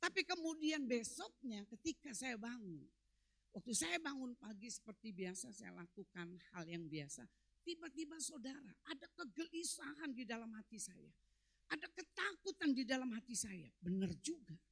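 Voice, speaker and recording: A woman pastor preaching a sermon with emphatic delivery, swinging between loud peaks and quiet, low drops. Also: very animated, moderate pace, vocal fry, no echo.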